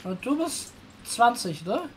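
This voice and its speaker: A woman's voice: a little high, sing-song, takes it slowly, a little hiss or hum. A woman in her late twenties, a fellow streamer chatting casually and easily on a voice call, often adding little tag questions. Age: late 20s. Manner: friendly, easygoing, adds tag questions.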